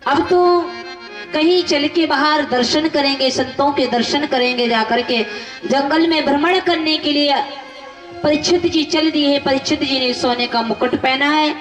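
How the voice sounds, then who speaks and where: A woman's voice: high voice, measured pace. Woman preacher telling scripture stories. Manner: storytelling with repeated lists and rhetorical questions. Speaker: religious storyteller preacher. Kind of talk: sung devotional scripture storytelling sermon. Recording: echoey hall from far off with music.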